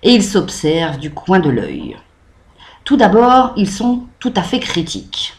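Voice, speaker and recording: A woman's voice: fairly low pitch, darkish tone. A French woman talks through a novel she liked, reviewing it off the cuff for her weekly video. Her speech is casual and improvised, dotted with hesitations and fillers as she gathers her thoughts. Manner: chatty, many "euh" fillers, improvised. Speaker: book reviewer. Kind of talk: improvised book review to camera.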